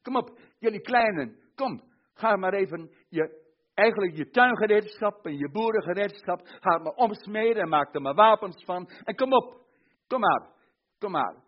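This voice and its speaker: A man's voice: fairly high pitch, wildly swooping pitch, measured pace, long pauses, slightly rough, exaggerated voice. A man voicing God as a mocking caller egging on the nations, on a muffled lo-fi recording. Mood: taunting. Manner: taunting, egging on.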